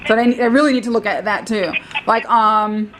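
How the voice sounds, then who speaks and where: A woman's voice: on the high side, fairly even intonation, moderate pace, a bit bright, slight background noise. A woman calling tech support, talking in a rambling, insistent way and repeating herself. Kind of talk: phone call recorded by caller.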